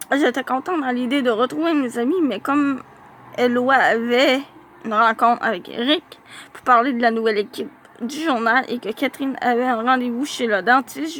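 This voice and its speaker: A woman reading a diary-style youth novel aloud, with lively, expressive storytelling and small slips. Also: on the high side.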